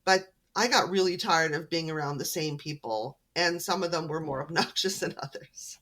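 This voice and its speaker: A woman's voice: low-pitched, moderate pace, a bit bright. A woman from Canada, an author being interviewed on a podcast, chatting in a friendly, storytelling way. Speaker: author guest. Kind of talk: casual interview chat.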